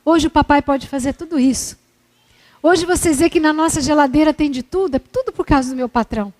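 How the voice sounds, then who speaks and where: A woman's voice: high-pitched, a little fast, a little mellow, long reverb tail, lightly acted. A small grateful boy, as a woman tells him. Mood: tender. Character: little boy, earnest and grateful.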